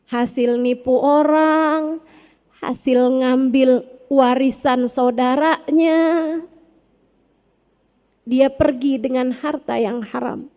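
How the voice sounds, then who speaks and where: High-voiced woman preacher, animated sermon, reverberant hall. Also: dull audio. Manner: animated, mixes formal address with slang. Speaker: Islamic preacher.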